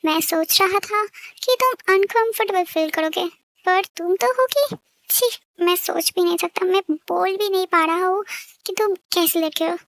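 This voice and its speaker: Brief: woman voicing a possessive young husband, very high, dry close audio, harsh then pleading. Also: normal speed, a bit bright, no echo. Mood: angry. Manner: harsh, scolding, then begging. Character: jealous hot-tempered young husband. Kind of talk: fan-fiction audio story.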